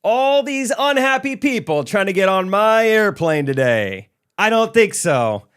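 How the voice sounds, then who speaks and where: A brash, sing-song male flight attendant who hypes up a sleepy crowd, as a man puts him on. His voice sits high and loud, with the swagger of an announcer. The delivery stays crisp and smooth. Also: sing-song, unhurried, heavily acted. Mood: bossy cheer.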